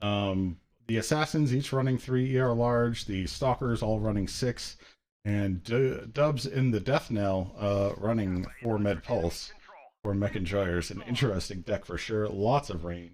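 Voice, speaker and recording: A man's voice: lowish voice, unhurried, a little mellow. A man casually commentating a live game match in a laid-back way, his voice echoing with reverb.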